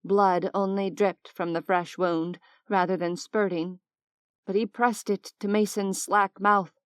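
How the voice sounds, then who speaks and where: A woman narrating an audiobook in a measured, deliberate way on a close mic. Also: medium pitch, steady tone, smooth, dry recording. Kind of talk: scripted narration.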